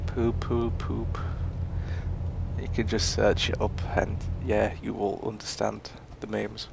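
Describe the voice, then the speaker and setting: A man's voice: fairly low pitch, completely flat delivery, moderate pace, vocal fry, background noise. A British man giving casual, jokey, rambling commentary over a driving game. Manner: rambling, jokey, self-deprecating. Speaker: let's play gamer.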